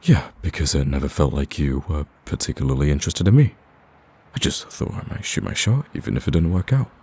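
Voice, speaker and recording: A male actor voices a cocky villain who is hopelessly smitten, wooing someone in a romantic ASMR roleplay. His extremely low, dark, husky voice is smooth, teasing and sing-song, and moves fairly quickly in a heavily acted performance. Underneath it runs an earnest, persistent plea.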